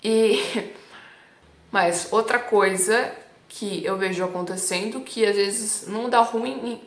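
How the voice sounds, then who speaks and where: A woman's voice: mid-range voice, takes it slowly. Woman, Milanese accent, native Italian, chatty teacher, checks in often, roomy echo. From Milan, Italy. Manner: chatty, keeps checking in with "tá bom?". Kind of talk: casual online lesson.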